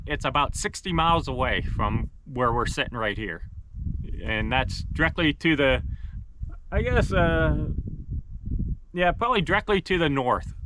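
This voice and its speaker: A man hosts a casual vlog in a bright, clean voice pitched a little high. He talks straight to viewers, explaining things at an unhurried, conversational pace. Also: clear, resonant tone, no echo. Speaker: vlog host showing own cabin property.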